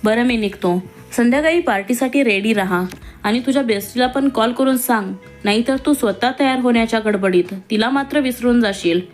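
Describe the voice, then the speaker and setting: A woman's voice: on the high side, fairly quick, soft background music, lightly acted. A woman voicing a cheerful, firm wealthy businessman father in a read-aloud story. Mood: jovial. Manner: jovial, firm. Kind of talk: storybook reading.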